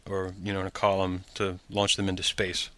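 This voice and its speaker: A man's voice: low-pitched, monotone, brisk, pushed and bright. A man hosting a casual gaming podcast, talking in a laid-back, rambling way with frequent ums. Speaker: podcast host.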